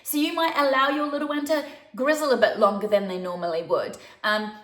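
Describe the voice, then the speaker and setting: A woman's voice: a little high, fairly even intonation, a little fast. A woman with a New Zealand accent, a baby sleep consultant giving casual, chatty advice straight to her viewers. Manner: chatty and conversational, with light laughs. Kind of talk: casual advice talk to camera. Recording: roomy echo.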